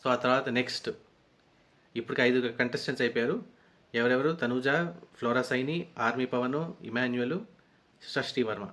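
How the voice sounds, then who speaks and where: Guy rambling thru a reality show recap, chatty, average pitch. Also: moderate pace, long pauses, a bit bright. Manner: rambling, conversational retelling with frequent restarts. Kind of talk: casual episode recap.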